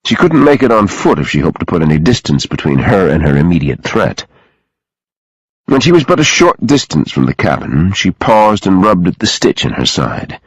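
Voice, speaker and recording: A man narrating an audiobook in an expressive, dramatic reading style on a close studio mic. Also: low-pitched, normal speed, breathy edge, no echo, low-quality recording.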